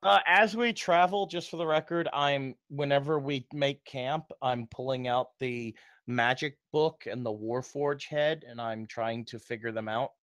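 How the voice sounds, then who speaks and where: A man's voice: medium pitch, measured pace, hardly any pauses, a bit bright, clean tone, dry recording, studio quality. A man playing a tabletop game, talking casually and informally about his character's moves.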